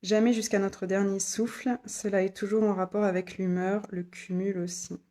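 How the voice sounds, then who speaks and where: A woman's voice: mid-range voice, level tone, normal speed, mellow. A woman hosting a casual live stream from her home office, reading viewer comments aloud, repeating them and laughing often. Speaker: live stream host, human design guide. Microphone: phone or laptop mic.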